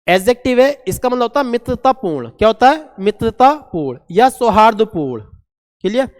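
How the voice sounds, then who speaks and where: High-voiced man teaching vocabulary. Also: very animated, fairly quick, long reverb tail. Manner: repeats key words and quizzes students. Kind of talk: vocabulary lesson.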